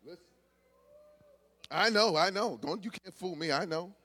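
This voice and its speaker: A male preacher with a high voice delivers a sermon to his congregation. He drops into quiet, conversational asides, then builds into loud, shouted exhortations. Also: normal speed. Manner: swings from low murmurs to shouted exhortation. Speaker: pastor.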